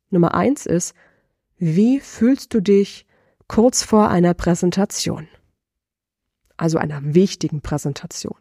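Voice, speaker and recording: A middle-aged woman voice coach giving a lesson, asking the listener slow, deliberate reflective questions. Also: lowish voice, warm tone, dry recording, clean studio sound.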